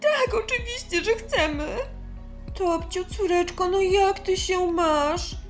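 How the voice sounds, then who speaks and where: A woman's voice: very high voice, takes it slowly, faint music behind. A woman voicing an anxious, impatient mother who frets over her sick daughter. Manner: anxious, fretful.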